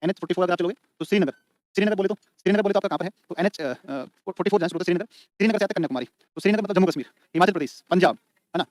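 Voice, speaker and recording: Fast-talking male teacher. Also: high-pitched, no echo, clean studio sound. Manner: repetitive, drills points for students to write down; colloquial, addresses students as beta and bhai. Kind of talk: exam-prep lecture.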